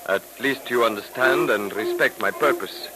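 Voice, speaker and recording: An actor in old radio drama style playing a courteous, resigned Egyptian cult captive with formal, deliberate phrasing. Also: male voice, mid-range voice, close to an everyday voice. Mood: resigned, respectful. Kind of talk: 1940s radio drama acting. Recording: noisy vintage radio recording.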